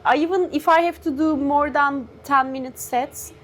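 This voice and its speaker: A woman's voice: high-pitched, fairly even intonation, normal speed, a little hiss or hum. A woman hosting a casual interview, encouraging her guest with brief reactions. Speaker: podcast host. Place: bar cellar.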